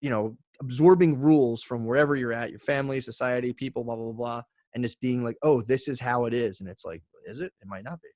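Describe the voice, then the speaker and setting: A man's voice: mid-range voice, quick pace, hardly any pauses, a little mellow, dry recording, studio quality. A man in his thirties, a podcast guest talking in a rambling casual way with many fillers. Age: 30s.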